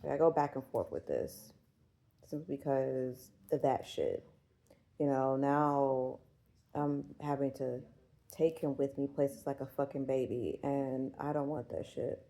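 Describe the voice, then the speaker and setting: A woman's voice: a bass voice, unhurried, creaky, mellow, rough recording. A woman in her forties chatting casually to camera in a rambling, profane way, full of fillers. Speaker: vlogger. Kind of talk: casual chat.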